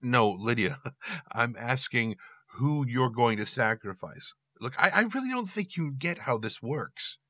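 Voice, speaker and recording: A man's voice: medium pitch, big pitch swings, a little slow, pushed and bright, no room sound, pitched above the performer's own voice, exaggerated voice. A man doing a pompous, flustered demon. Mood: sheepish. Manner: grandiose, then awkward and sheepish.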